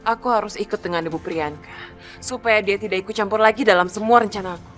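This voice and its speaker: A defiant young daughter in a dubbed soap drama, protective of her mother. She speaks quick and high, indignant, with faint music underneath. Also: echoey room.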